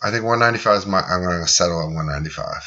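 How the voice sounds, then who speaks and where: A man's voice: low-pitched, racing, bright, forceful tone, highs cut off. A man hosting a casual podcast chat, rambling and joking. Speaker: podcast host.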